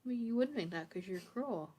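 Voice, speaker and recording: A woman's voice: fairly high pitch, lively intonation, moderate pace, warm tone, slightly rough. A woman hosting a casual writing livestream, playfully teasing her co-host and laughing often. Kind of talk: casual chat.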